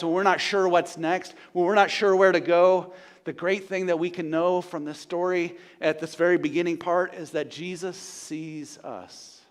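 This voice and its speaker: High-voiced man preaching a sermon. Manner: builds to loud repeated declarations, then drops to a hushed, slow delivery. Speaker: pastor. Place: church sanctuary.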